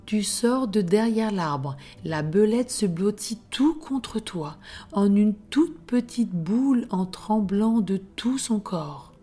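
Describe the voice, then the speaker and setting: A woman tells a children's bedtime story in a hushed, unhurried manner, frequently dropping into a whisper. Her voice is mellow and warm at an even middle pitch, with gentle music playing faintly beneath.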